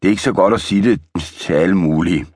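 A man's voice: low-pitched, a little mellow, slightly rough, no room sound, clean studio sound. A man voicing a flustered, protesting eleven-year-old boy in a children's audiobook. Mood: groggy. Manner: protesting, pleading.

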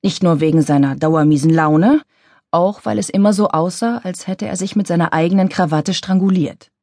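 A woman reading a contemporary novel as an audiobook, with wry, lively storytelling. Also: on the low side, normal speed, dry recording, studio quality. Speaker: audiobook narrator. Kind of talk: scripted audiobook narration.

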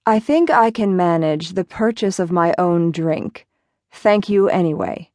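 A cool, sharp-tongued young woman brushes off advances with curt haughtiness, voiced by the woman narrator. Her lines come slowly and a bit low, with a dry, close sound. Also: no echo, natural voice.

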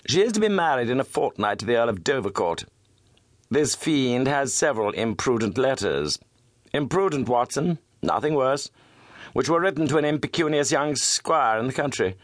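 Man reading as a raised, clipped, commanding gentleman detective for an audiobook; dry studio sound. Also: medium pitch, sing-song, normal speed, no echo, pitched above the performer's own voice, close to an everyday voice. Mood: earnest. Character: sharp, proud Victorian male detective, middle-aged.

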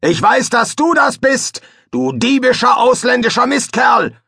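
A man voicing a quick-tempered older fisherman and father who blusters and shouts at a rival. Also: mid-range voice, very animated, husky, no echo, studio quality, voice pushed up, full character voice. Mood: angry.

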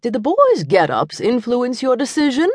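A woman voicing an older, dignified man who speaks quietly with authority in an audiobook. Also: wildly swooping pitch, no room sound, studio quality. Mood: curious. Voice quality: low, measured, hushed.

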